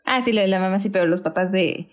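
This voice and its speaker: Young woman, podcast co-host, lively casual film chat, laughs easily, pops into high squeals. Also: quick pace. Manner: animated, laughs often, acts out her own reactions in high squeals.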